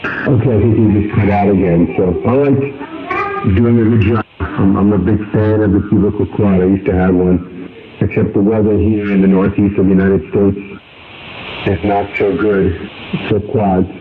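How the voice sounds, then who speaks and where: A man's voice: on the low side, fairly even intonation, moderate pace, narrow, tinny audio. A man talking as a ham radio operator, heard over a ham radio link, chatty as he reports signals and his station gear.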